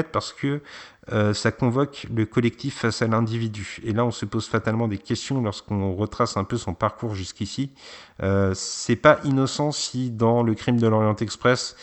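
Low-voiced man reviewing films. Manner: hesitant, many fillers. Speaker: film podcast co-host. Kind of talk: casual film review chat.

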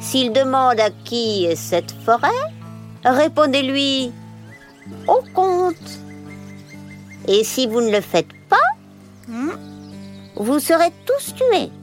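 Tiny high meowy cat lady, sly and flattering, slow and swooping, soft music behind. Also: exaggerated voice. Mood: commanding. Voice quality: high, childlike, meowing. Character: clever sly female cat, small, bold. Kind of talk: storybook character acting.

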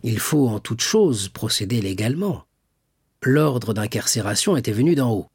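A man voicing a scheming, cold young royal prosecutor in an audiobook, smooth and guarded. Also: medium pitch, lively intonation, moderate pace, a little mellow, no room sound. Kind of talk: audiobook character reading.

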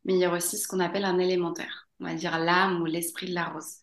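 Lowish-voiced woman from mexico, lots of euhs, echoey room. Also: little pitch movement, fast. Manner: warm, hesitant with many fillers, laughs often. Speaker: guest. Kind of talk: casual interview.

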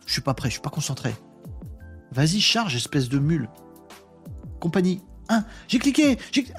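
A man's voice: mid-range voice, darkish tone. A tired man, hosting a casual livestream and reading viewer comments aloud with playful asides. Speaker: livestream host reading chat. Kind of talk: casual live chat.

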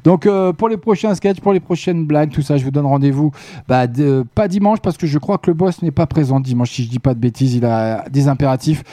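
A man hosting a live evening radio show, chatty and joking with listeners, his voice going hoarse. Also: fairly high pitch, fairly quick, mellow, no echo. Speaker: radio host. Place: radio studio.

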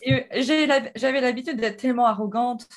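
A woman in her thirties from France, a guest entrepreneur telling her story in a casual interview, animated and full of fillers and restarts. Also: a little high, fairly quick.

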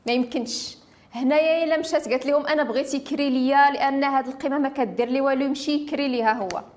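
In an impassioned family-law discussion, a woman with a Moroccan Arabic accent talks very fast in a high, slightly mellow voice. She is emphatic and insistent, frequently heaping up rhetorical questions.

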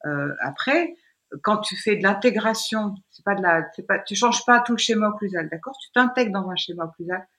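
A woman's voice: mid-range voice, lively intonation, moderate pace, a bit bright. Woman explaining dental technology emphatically. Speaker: dentist guest on a podcast. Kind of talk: technical podcast discussion.

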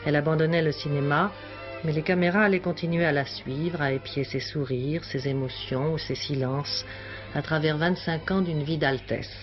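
A man's voice: fairly high pitch, fairly even intonation, normal speed. A man giving lyrical, formal narration in an old newsreel, heard from an archive broadcast. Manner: lyrical, formal commentary delivery. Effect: old newsreel broadcast sound. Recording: dull lo-fi old newsreel with music. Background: music.

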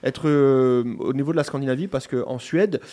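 A man's voice: mid-range voice, normal speed, warm tone. A man presenting his column on a radio talk show, chatty and digressive, with many restarts and fillers.

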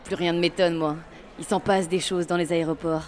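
An actress playing a chatty, matter-of-fact airport customs officer. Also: female voice, lowish voice, fairly even intonation, moderate pace, a little hiss or hum, close to an everyday voice. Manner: familiar, matter-of-fact advice. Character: chatty female airport customs officer, nothing surprises her.

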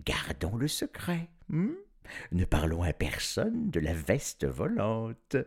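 A man's voice: low-pitched, wildly swooping pitch, slow pace, darkish tone, pitched below the performer's own voice, exaggerated voice. A man doing a fussy, chuckling old professor. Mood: excited. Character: excitable old male professor with magic jacket.

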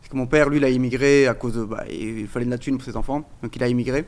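Man, thirties, native Portuguese speaker, quick storytelling, lots of fillers, casual chat. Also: mid-range voice, fairly even intonation, darkish tone. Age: 30s. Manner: rapid, filler-heavy storytelling. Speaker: guest telling his life story.

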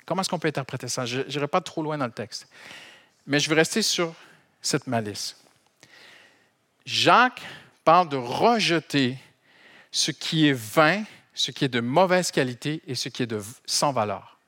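Middle-aged canadian french guy preaching, chatty and animated, cracks jokes, repeats himself a bit. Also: a little high, normal speed, pauses often. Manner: animated and conversational, with humor and repetitions. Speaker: pastor. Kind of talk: sermon. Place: church hall.

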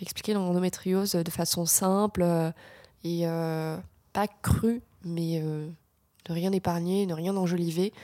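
A woman in her twenties talks casually as a podcast guest, slowing down with fillers as she searches for words. Her voice sits a little low and the recording is dry and close. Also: no room sound. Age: 20s. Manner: relaxed, hesitant with many fillers. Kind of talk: casual chat.

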